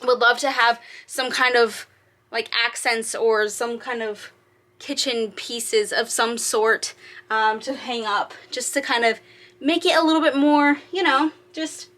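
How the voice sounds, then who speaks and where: A woman's voice: on the high side, steady tone, measured pace, fairly bright tone. A woman giving a casual, giggly, self-deprecating vlog tour from inside a small RV trailer, talking informally. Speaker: vlogger.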